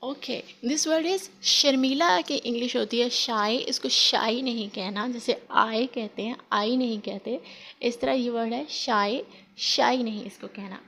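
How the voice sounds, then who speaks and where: A woman teaching a spoken English lesson in Hindi, drawing out example phrases slowly and often correcting herself. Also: fairly high pitch, gravelly, a bit bright. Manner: slow drawn-out example phrases, frequent self-corrections.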